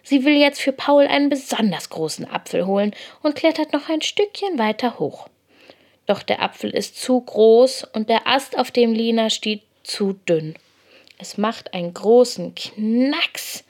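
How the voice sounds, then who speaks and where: Lebhafte Erzählerin einer Kindergeschichte. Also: female voice, a little high, normal speed. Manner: gentle, expressive. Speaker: storyteller. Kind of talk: children's story reading.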